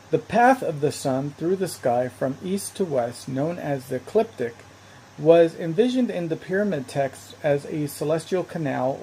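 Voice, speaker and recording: A narrator reading a scripted educational video in a measured, explanatory way. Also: medium pitch, warm tone, a little hiss or hum, poor audio.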